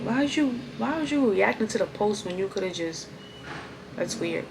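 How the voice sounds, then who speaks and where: A woman on a casual vlog rant, blunt and loose with her swearing, repeating herself as she goes. Her voice sits at a middling pitch, with a faint hum of ambience behind her. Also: animated, moderate pace, vocal fry. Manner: blunt, profane and repetitive. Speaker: reality-show recap vlogger.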